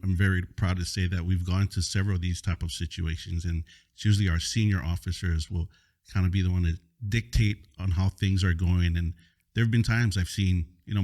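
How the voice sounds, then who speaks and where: Male police officer from Hawaii, very deep voice, animated storyteller, casual podcast guest. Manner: animated storyteller, quick affirmations.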